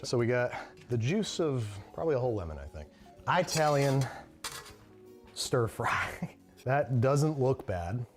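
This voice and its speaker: A man's voice: mid-range voice, very animated, a little slow, long pauses, soft background music. Dry-voiced male cooking show host. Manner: dry, wry understatement. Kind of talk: scripted cooking show narration.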